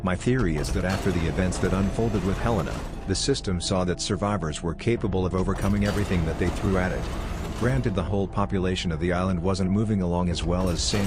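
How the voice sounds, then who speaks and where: A man with a robotic voice filter giving scripted game commentary in a measured, explanatory way. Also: sits low. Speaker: gameplay commentator.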